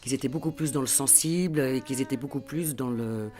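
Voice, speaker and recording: Middle-aged woman, photographer, calm reflective interview voice, thoughtful pauses. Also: a bass voice. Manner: thoughtful, pauses to search for words.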